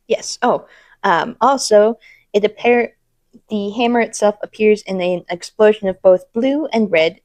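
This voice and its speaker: A woman's voice: medium pitch, darkish tone, no echo. A woman co-hosting a casual commentary podcast, rambling with lots of "um"s and playful sound-effect noises. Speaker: podcast co-host.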